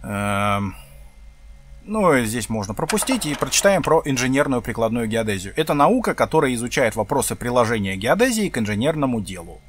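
A man's voice: mid-range voice, big pitch swings, brisk, a little hiss or hum. A man reading a textbook aloud in a lesson video, breaking off for plain asides and correcting himself as he goes.

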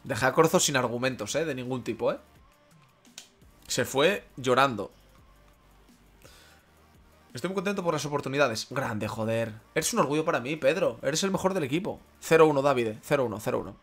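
A man streaming a football game and talking to his chat in an excitable, loose way, with swearing and playful mock sermons aimed at viewers. His voice sits at an ordinary middle pitch. Faint music plays underneath. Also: normal speed, long pauses, slightly rough. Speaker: streamer playing a football career mode. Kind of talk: casual gaming commentary to chat.

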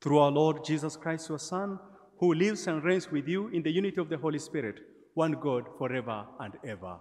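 A man, a priest leading Mass in a measured, gentle way, his voice ringing with cathedral-like church echo. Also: fairly high pitch. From Tanzania. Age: 40s. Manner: gentle, measured liturgical delivery with light humor. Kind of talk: celebrating Mass. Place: large church. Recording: long church hall reverb.

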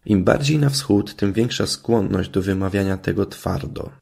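A man's voice: deep voice, normal speed, vocal fry, darkish tone, breathy edge. A man from Masuria, Poland, giving a scripted lesson as a channel host, methodical and careful with his pronunciation. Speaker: language educator and channel host. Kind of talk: scripted explanatory narration.

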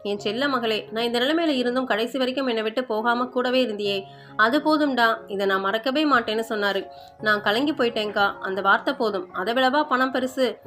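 A woman's voice: fairly high pitch, normal speed, fairly bright tone, soft background music, close to an everyday voice. A woman voicing a tender, devoted younger sister who speaks in an earnest, pleading way.

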